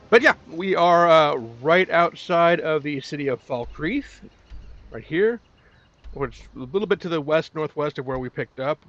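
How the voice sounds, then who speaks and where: A man's voice: on the high side, a bit bright. A man hosting a casual let's play, chatty and jokey with folksy turns of phrase. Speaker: YouTube gaming host. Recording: dull audio with music behind. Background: game music.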